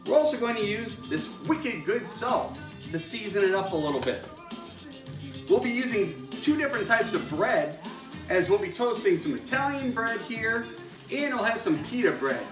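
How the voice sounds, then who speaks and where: A man's voice: high-pitched, sing-song, normal speed, music in the background. A middle-aged man hosting a homemade cooking show in his kitchen, explaining each step in a folksy way while he stirs. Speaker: home cooking show host. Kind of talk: casual cooking demonstration. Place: home kitchen indoors.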